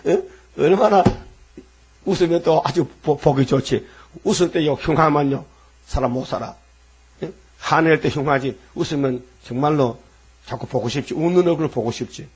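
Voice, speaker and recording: Husky-voiced man preaching. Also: on the high side, moderate pace, long pauses, darkish tone. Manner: colloquial preaching, rhetorical questions, acts out quoted voices. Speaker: pastor. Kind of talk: sermon.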